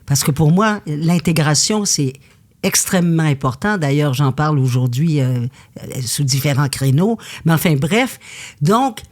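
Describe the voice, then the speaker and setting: A woman speaks as a guest in an intimate conversation, her voice sitting a little low. She tells her stories with intensity and animation. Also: lively intonation, measured pace, a little mellow. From Quebec, Canada. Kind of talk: candid conversation.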